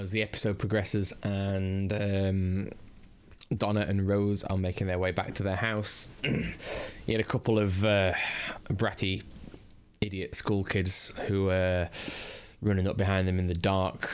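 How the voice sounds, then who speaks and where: A man with a Northern English accent giving a casual, rambling spoken TV review, full of fillers and restarts. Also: on the low side. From Northern England.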